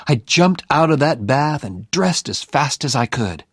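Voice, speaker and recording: Slow, expressive male story reader. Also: medium pitch, breathy edge, no echo, clean studio sound. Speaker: audiobook narrator. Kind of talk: first-person story reading for learners.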